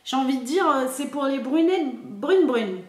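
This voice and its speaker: A high-pitched woman talks casually as a beauty vlogger, thinking out loud and filling pauses. She is recorded on a camera mic in an echoey room at home. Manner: chatty, many fillers, thinks aloud. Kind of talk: casual product unboxing and swatching.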